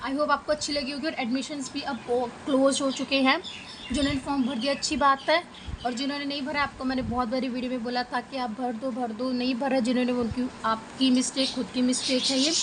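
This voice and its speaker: A woman's voice: high voice, level tone, brisk, background noise. A woman teacher from Punjab, India, with an Indian English accent, explaining a lesson step by step and often checking in with "okay". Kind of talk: exam-prep lesson.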